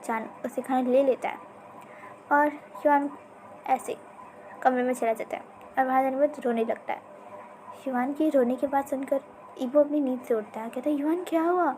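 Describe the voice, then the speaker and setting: A woman casually retelling a story in a chatty, expressive way. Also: high-pitched, normal speed, pauses often, a little hiss or hum.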